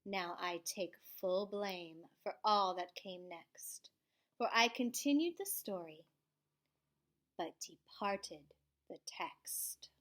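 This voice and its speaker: A woman in a mid-range voice reads a kids' storybook at a slow pace, performing it expressively in the manner of a school librarian, with dramatic swells and quiet, hushed dips.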